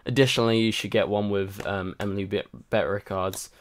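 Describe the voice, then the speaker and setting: A tired man with a fairly low, steady voice hosts a casual livestream at a brisk clip, using a home microphone. He rambles and chats, full of fillers, as he answers viewer comments.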